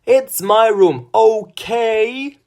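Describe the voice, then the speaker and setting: A man voicing a fierce, grieving teenage girl warrior who shouts in desperation. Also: expressive, slow, vocal fry, full character voice. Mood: desperate shouting. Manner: shouting, desperate, high-strung.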